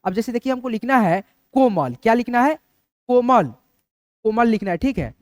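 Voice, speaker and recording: Patient male teacher spelling words slowly. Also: extremely high pitch, expressive, no room sound, studio quality. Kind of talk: step-by-step spelling lesson.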